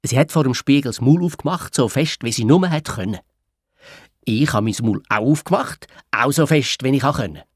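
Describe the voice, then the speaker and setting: A man's voice: medium pitch, animated, moderate pace, no room sound. A man with a Swiss German accent narrating a children's audio story in a playful, childlike first person. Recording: dry studio read with soft music.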